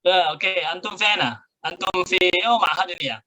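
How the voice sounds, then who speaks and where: A man's voice: high-pitched, normal speed, sharp tone, rough recording. A middle-aged male university lecturer explaining a grammar lesson, switching between Indonesian and English.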